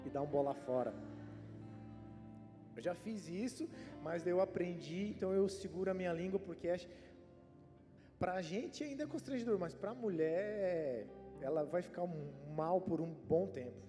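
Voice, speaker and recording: A man's voice: high voice, lively intonation, normal speed. A male Brazilian pastor preaching a sermon in a conversational way, often tagging sentences with "né?". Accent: Brazilian Portuguese. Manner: conversational preaching, frequent "né?" tags. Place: church hall. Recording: reverberant church hall with soft music.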